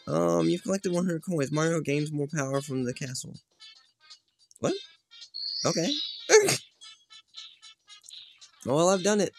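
A woman with a very deep voice gives loud, joking commentary as she plays a video game, swearing freely. Her pitch swings widely with every near miss and win. Faint music sits under her voice. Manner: excitable, swears a lot, jokes while playing. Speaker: let's play player. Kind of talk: audio let's play commentary.

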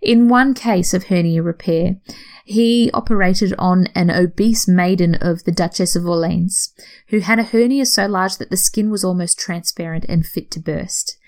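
A woman's voice: lowish voice, normal speed, a little mellow. A woman hosting an educational talk, explaining in a conversational way and sometimes correcting herself. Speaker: podcast host.

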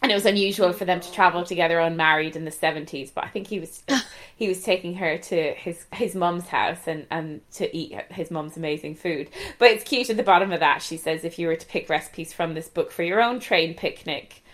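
A woman's voice: lowish voice, fairly quick, a bit bright. A woman with a west of Ireland accent from Galway, chatting casually as co-host of a cookbook show. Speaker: podcast co-host reviewing cookbooks. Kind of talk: casual chat.

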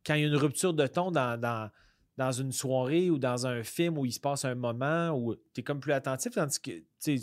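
Québécois comedian, dry close sound. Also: male voice, mid-range voice, no room sound. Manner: rambling, halting, with many restarts and fillers. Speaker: comedian guest. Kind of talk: casual podcast chat.

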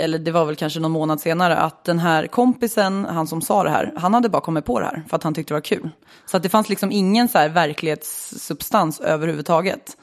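Woman, late twenties, from Sweden, slightly low voice, casual storytelling, candid, swears freely. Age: 20s.

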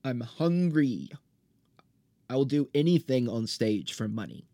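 A man's voice: mid-range voice, moderate pace, warm tone, no echo. Blunt, ranting male podcast host. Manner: blunt and profane, riled up, restarts words often.

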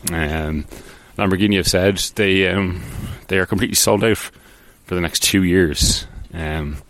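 Very deep-voiced man rambling hesitantly. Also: fairly bright tone, a little hiss or hum. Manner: rambling, hesitant, many ums and restarts; offhand and self-deprecating. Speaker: podcast host. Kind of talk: casual solo podcast about cars.

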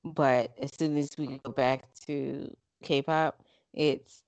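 A woman's voice: a bass voice, steady tone, takes it slowly, darkish tone, clean tone, no echo. A woman co-hosting a casual chat podcast over a call, explaining things at length and thinking aloud. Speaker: podcast co-host.

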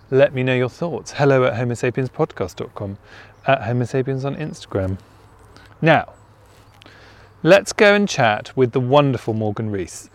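A man hosting a podcast in a casual, conversational way, musing and inquisitive. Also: medium pitch. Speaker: podcast host.

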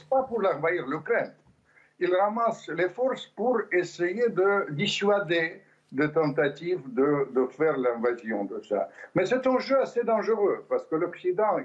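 Older man on a dull remote line. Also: a little high. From Ukraine. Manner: insistent, halting with restarts. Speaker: guest commentator, former diplomat. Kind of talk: remote interview answer.

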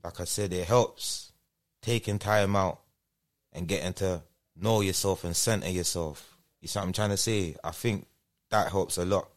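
Deep-voiced and speaking at a normal speed with fairly even intonation, this interview guest talks in a London roadman accent and casual street slang. He keeps dropping tag phrases to check that he is being followed.

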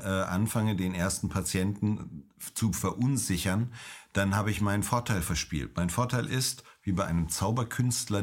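A middle-aged man, an emergency doctor, answering interview questions in a calm, measured, explanatory way. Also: sits low.

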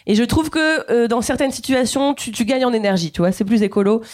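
A woman's voice: on the high side, fairly quick, darkish tone. Chatty woman in her thirties doing stand-up. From Guadeloupe. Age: 30s. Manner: playful, chatty, addresses audience directly. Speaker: stand-up comedian. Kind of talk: stand-up comedy set. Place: comedy stage.

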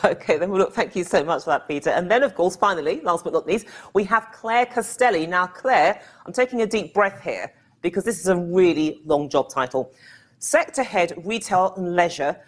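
A woman's voice: fairly low pitch, expressive, normal speed. A woman hosting a business webinar, introducing speakers with light joking asides. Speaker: host.

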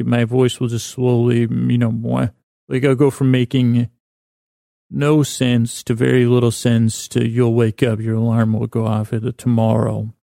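A man with a creaky, gravelly, medium-pitched voice and a dark tone hosts a bedtime podcast. He rambles haltingly, meandering through stammered tangents and pauses meant to lull listeners to sleep, in a clean studio recording with no room sound.

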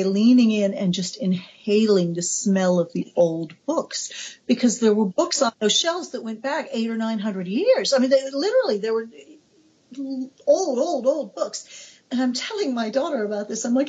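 An American woman in her forties, an author chatting warmly and eagerly in an interview, laughing often, on a dull lo-fi recording. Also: medium pitch. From United States. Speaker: author guest. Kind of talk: casual interview chat.

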